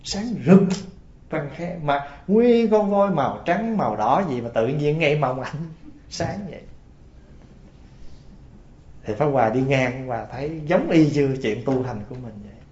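A man's voice: a little high, expressive, a little slow, a little mellow. A man giving a storytelling Buddhist sermon, folksy and often asking his listeners questions. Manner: folksy, asks the audience questions. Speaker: Buddhist preacher. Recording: roomy, dull lo-fi sound.

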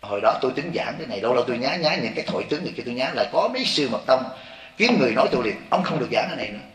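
A man, a Buddhist monk giving an animated dharma talk to a congregation and often asking them if they see. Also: mid-range voice, roomy sound. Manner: animated, repeats "thấy không?" to the audience.

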